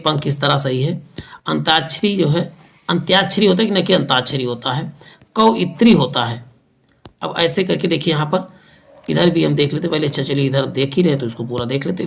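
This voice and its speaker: A man teaching an online exam-prep lesson with an energetic, emphatic delivery, often repeating words for emphasis. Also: on the high side, normal speed, vocal fry. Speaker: Hindi grammar teacher.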